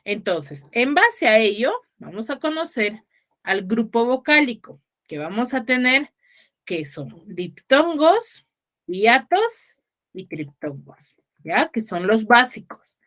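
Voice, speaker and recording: Slow, lively-pitched woman teacher on video call. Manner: patient, asks the class "¿ya?" often. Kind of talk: online class lecture.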